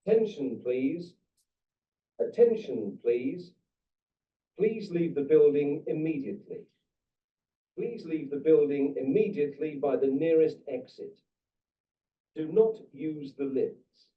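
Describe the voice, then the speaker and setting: A man's voice: on the high side, takes it slowly, pauses often. A man giving a formal, commanding recorded evacuation order in short, repeated instructions over a building's public-address system. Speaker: automated fire alarm announcer. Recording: echoey, distant, tinny public-address speaker.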